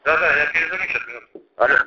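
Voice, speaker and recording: A man talking on a phone call, answering questions with many pauses and filler sounds. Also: a little high. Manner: hesitant, full of filler sounds. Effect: heard over a phone line. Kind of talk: phone conversation. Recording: muffled noisy phone line.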